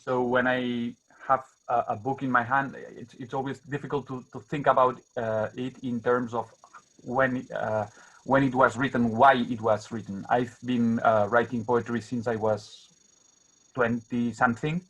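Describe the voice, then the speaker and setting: A man with a Catalan accent speaks halting, non-native English, searching for words and repeating himself as he talks informally about his writing. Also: medium pitch, level tone. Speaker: guest poet. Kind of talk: informal talk about own writing at an online book launch. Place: remote video call. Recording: dull, muffled video-call audio.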